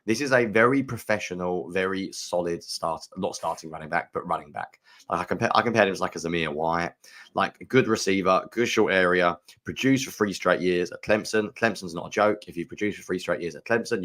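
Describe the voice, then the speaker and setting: This British man co-hosts a sports podcast, his voice low, brisk and fairly bright. He offers frank, opinionated analysis, thinking aloud with fillers.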